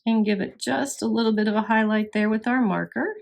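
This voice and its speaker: A woman's voice: fairly high pitch, brisk, vocal fry, darkish tone. A woman instructor demonstrating scrapbook crafting step by step, explaining as she works with occasional fillers.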